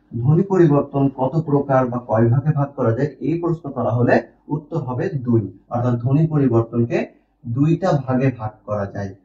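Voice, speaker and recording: A man teaches an online grammar lesson with a dark, mellow voice. He explains step by step and asks questions that he answers himself. The recording is distant and lo-fi, in a roomy space. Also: mid-range voice.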